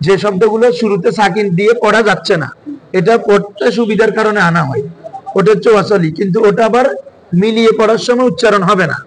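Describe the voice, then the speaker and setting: High-voiced man quizzing his class. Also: a little hiss or hum, rough recording. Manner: quizzing students with repeated questions. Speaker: teacher. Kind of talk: classroom lesson.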